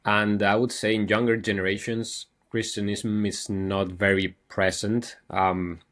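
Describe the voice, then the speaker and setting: A man's voice: lowish voice, flat delivery, a little slow, fairly bright tone. A man from Europe hosting a casual interview and asking friendly questions. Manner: friendly, asks questions with fillers. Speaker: host.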